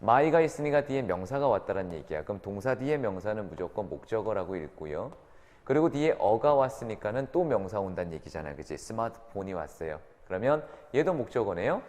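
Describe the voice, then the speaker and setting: This grammar lecturer's low-ish, darkish voice swings widely in pitch as he moves along at a fairly quick pace. He teaches English grammar to a class, regularly tossing in short tag questions, and the room echoes.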